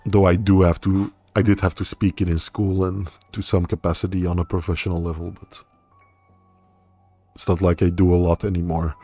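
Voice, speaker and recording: Faint music plays while a young native Dutch speaker hosts a relaxed livestream, reading viewer comments aloud and answering them as he rambles. His voice sits low, and his pace is moderate.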